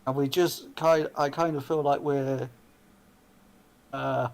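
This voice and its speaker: Male tabletop player, mid pitch, casual in-character chat. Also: steady tone, slow, creaky.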